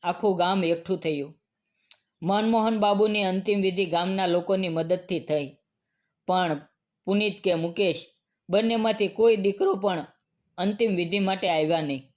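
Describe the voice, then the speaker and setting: A man narrating a moral storybook tale in a solemn, even-paced scripted reading. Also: high voice, moderate pace.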